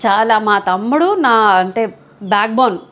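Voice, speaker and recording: A woman's voice: medium pitch, measured pace. A middle-aged woman with a Vizag Telugu accent, speaking candidly and emphatically as an interview guest. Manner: emphatic, animated, quotes others in lively voices. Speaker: interview guest, mother of a contestant.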